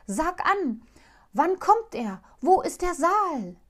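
A woman voicing an impulsive young caliph turned into a stork, breaking into eager, excited exclamations in a fairy tale reading. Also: medium pitch, unhurried.

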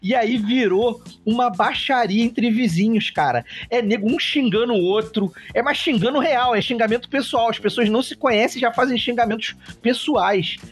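A man's voice: extremely high pitch, moderate pace, hardly any pauses, slightly rough. A Brazilian man, telling stories in a casual podcast chat, swearing freely and laughing often. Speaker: podcast host.

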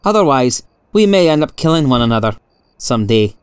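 A man voicing a criminal mastermind professor in a storybook, polite and measured, with cool menace. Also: medium pitch, very animated, smooth, no room sound, studio quality, lightly acted. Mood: placid.

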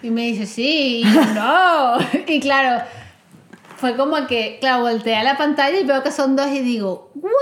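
A young woman with a high voice tells a story in casual chat, acting out what each person said. The sound is roomy and echoey. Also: normal speed. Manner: animated storytelling, acts out dialogue. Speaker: expectant mother sharing news.

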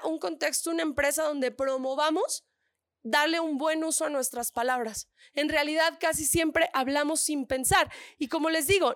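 Northern Mexican woman speaker, crisp bright tone, lively motivational talk with frequent asides to the audience. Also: high-pitched, dry recording, clean studio sound. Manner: expressive, acts out inner voices with shifts of tone.

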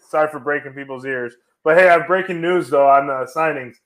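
A young man co-hosting a casual sports podcast, excitable and quick to laugh, sometimes bursting into shouts. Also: fairly high pitch. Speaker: podcast co-host.

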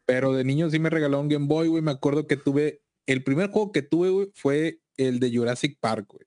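A man's voice: fairly high pitch, a little fast, darkish tone, dry recording, clean studio sound. A Mexican man chatting casually in laddish, profane bro slang. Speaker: video game collector. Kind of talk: casual chat.

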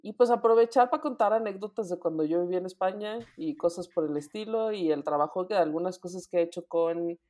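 A young woman co-hosting a podcast, talking loosely with slang and frequent laughs. Her voice sits a little low for a woman. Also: brisk, hardly any pauses, darkish tone. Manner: laughs often, slangy and teasing. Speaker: podcast co-host. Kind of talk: casual chat.

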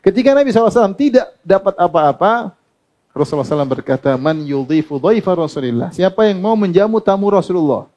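A man's voice: high voice, animated, rapid-fire, darkish tone, lo-fi sound. A middle-aged man preaching a sermon, quoting Arabic texts and translating them, often asking the audience questions and answering them himself, with frequent laughs. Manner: laughs often between points. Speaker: Islamic preacher.

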